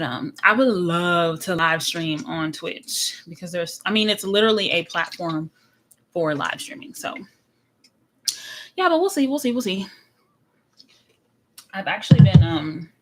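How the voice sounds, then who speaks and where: A woman in her late twenties from Texas, chatting casually and warmly on her first livestream, repeating words like so and like as she talks. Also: lowish voice, a little hiss or hum. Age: late 20s. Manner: chatty, bubbly, many repeats of so and like. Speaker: anime reaction streamer. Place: at home in front of a camera.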